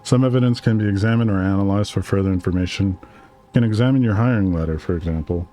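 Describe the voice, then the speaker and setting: A man streams himself playing a game, chatting casually and reading the on-screen text aloud in a relaxed let's-play style. His voice is low and mellow, and he talks at a quick pace.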